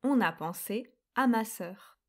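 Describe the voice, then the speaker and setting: A young woman presenting a scripted grammar quiz lesson, explaining slowly, clearly and deliberately. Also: fairly high pitch, lively intonation. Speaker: French grammar teacher.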